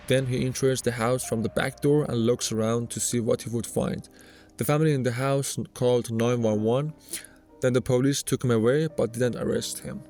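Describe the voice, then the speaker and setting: Guy doing scripted countdown video voiceover, medium pitched voice, bg music under it. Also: a little mellow. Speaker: narrator. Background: background music.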